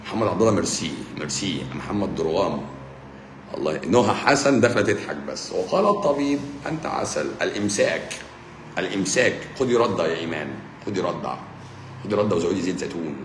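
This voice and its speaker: A man with an Egyptian accent, a doctor answering viewers' comments on a live stream in a joking, teasing, brisk manner. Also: deep voice. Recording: roomy echo, faint background hum.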